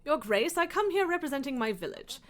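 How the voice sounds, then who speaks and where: Woman reading a humble game villager, deferential, formal, high lilting voice. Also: very animated, brisk, fairly bright tone. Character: polite, humble villager petitioning the monarch.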